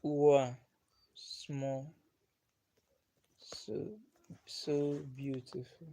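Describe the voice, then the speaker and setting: A livestream host, male, draws out his words in a warm mid-range voice with little pitch movement. He casually chats while reading comments. His first language is Igbo, and he's patient, often repeats himself, and chuckles a lot.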